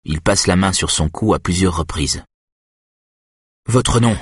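A man narrates a thriller audiobook in a steady, measured way. His voice sits low and has a husky grain. The sound is dry and close, with no room around it. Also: no echo.

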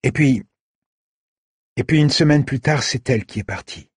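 A man's voice: medium pitch, moderate pace, husky, no room sound, clean studio sound, voice pushed up. A man voicing a young girl who speaks in a plain, sober way.

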